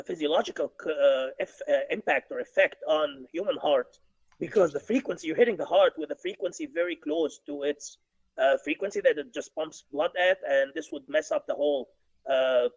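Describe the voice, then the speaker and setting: A man's voice: fairly high pitch, expressive, moderate pace, gravelly. A man, explaining technical points on a video call from a home office, with frequent restarts. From Egypt. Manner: explanatory, many restarts and fillers. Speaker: guest engineer. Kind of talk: webinar discussion. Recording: dull lo-fi video call audio.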